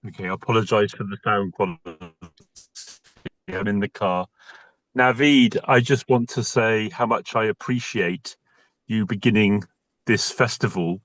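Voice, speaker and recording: A man's voice: lowish voice, no echo. A man calling in from his car over a video call, his audio choppy and breaking up, giving a thoughtful, appreciative comment. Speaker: festival audience member commenting. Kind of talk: casual spoken comment.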